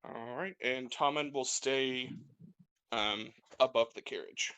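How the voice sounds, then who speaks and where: A man narrating a tabletop game as game master, relaxed and hesitant with many fillers. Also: medium pitch, slow, clean tone, no echo.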